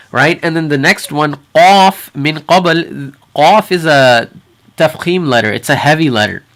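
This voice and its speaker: A man with a slightly high voice leads a recitation lesson. He explains patiently, then stretches out and repeats each sound slowly so students can copy it. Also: fairly bright tone. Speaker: Quran recitation teacher.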